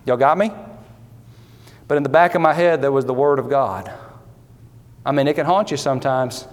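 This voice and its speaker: A man's voice: mid-range voice, moderate pace. A man preaching a sermon, folksy and emphatic, full of rhetorical questions and repeated phrases. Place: church sanctuary. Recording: long hall reverb.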